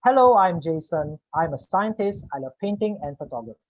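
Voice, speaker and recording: A chatty, outgoing young guy who rushes from one sentence to the next with barely a pause, as a man demonstrates him. The sound is dull and lo-fi, with a dry, close feel. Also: on the high side, animated, dry recording, lightly acted. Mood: upbeat. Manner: short gaps between sentences. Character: chatty extroverted young man, quick talker.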